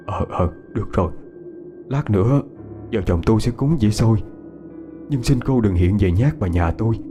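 A man's voice: on the low side, lively intonation, normal speed, over music, lightly acted. A man voicing a kind, humble village husband who speaks politely and hesitantly. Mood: gentle. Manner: soft-spoken, polite, hesitant.

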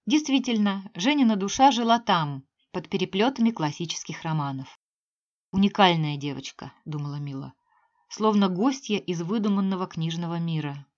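A woman reading a novel aloud as an audiobook narrator, measured and expressive. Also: fairly low pitch. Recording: slightly dull lo-fi sound.

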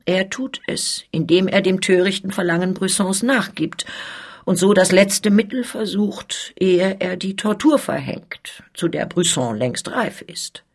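A woman voicing a formal, persuasive male police officer in a dramatic reading, her voice husky. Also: mid-range voice, a little slow.

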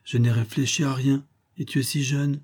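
A man reading the part of a kindly, reflective older father in an audiobook, with a measured, fatherly manner. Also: medium pitch, little pitch movement, darkish tone, slightly rough, natural voice.

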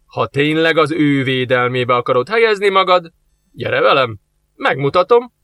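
A man voicing a gruff, scornful male soldier who speaks in a drawn-out, mocking way. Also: fairly high pitch, lively intonation, a bit bright, dry recording.

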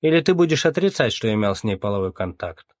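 A man's voice: lowish voice, big pitch swings, fast talker, dry recording, studio quality. A man reading the part of a stern police captain, blunt and pressing in his questioning. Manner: forceful, interrogating.

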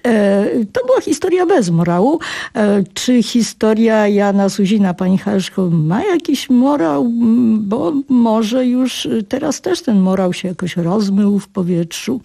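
Mellow-voiced female radio host. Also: medium pitch, animated, a little slow, creaky. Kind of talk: radio conversation.

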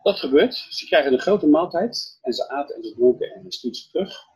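A man preaching, retelling a Bible story with animated storytelling and acted-out dialogue. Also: fairly high pitch, a little fast, breathy edge, rough recording. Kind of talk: Bible teaching, retelling scripture.

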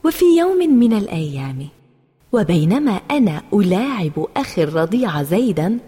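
A woman reading a children's story aloud in an expressive, animated manner. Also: medium pitch, moderate pace. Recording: roomy reverb with soft music.

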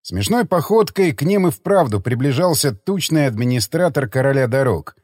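A man narrating an audiobook in an expressive way, reading all the parts himself. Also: medium pitch, normal speed, dry recording, studio quality.

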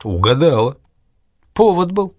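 Sly coaxing young woman voiced by a male reader, stubborn, lively pitch. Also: unhurried, no room sound, studio quality. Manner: coaxing, teasing.

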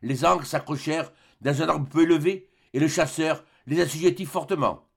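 A man reads a classic adventure novel aloud in a measured, dramatic style. His voice sits a little high for a man, and he sinks low and hushed when the tension rises. It is a steady audiobook narration. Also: gravelly. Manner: dramatic reading, dropping low and quiet for tense moments.

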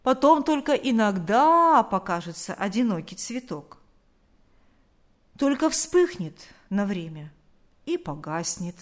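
A woman reading the part of a hoarse older male neighbor who muses in a folksy, philosophical way. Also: mid-range voice, very animated. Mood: musing. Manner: unhurried, musing, calls her "kiddo".

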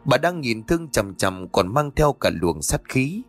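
Expressive male horror storyteller. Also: mid-range voice, a little slow, faint music behind. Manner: expressive, dramatic. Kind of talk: scripted horror story narration.

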